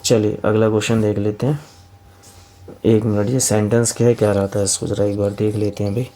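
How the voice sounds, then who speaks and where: Indian male grammar teacher, mellow voice, patient and fond of his students. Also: fairly low pitch, level tone. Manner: reads English sentences slowly, then explains in Hindi; addresses students affectionately as kids and friends. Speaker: English teacher.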